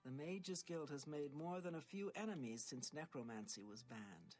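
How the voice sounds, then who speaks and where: A fantasy-game townsperson, voiced by a man, sharing gossip in a plain, matter-of-fact way. His voice sits a bit high, with faint game music behind. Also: expressive, moderate pace, a little mellow, natural voice. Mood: informative.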